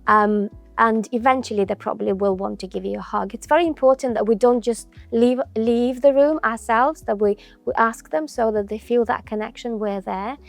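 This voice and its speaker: A woman talks gently and steadily as a podcast guest, explaining how parents can stay calm. Her voice carries a gravelly creak. Soft music plays faintly behind her. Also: on the high side, normal speed. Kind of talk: podcast interview.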